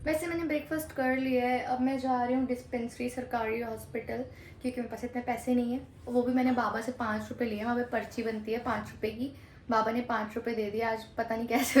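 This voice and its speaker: High-voiced young woman teasing her brother. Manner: bossy big-sister scolding and teasing. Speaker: vlogger. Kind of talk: casual vlog chat. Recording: noisy phone audio.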